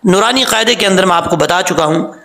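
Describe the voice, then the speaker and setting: A man with a high, gravelly voice gives a Quran pronunciation lesson. He explains the rules plainly and draws out sounds slowly so learners can copy them. The room has an echo. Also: sharp tone. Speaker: Quran recitation teacher. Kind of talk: tajweed lesson.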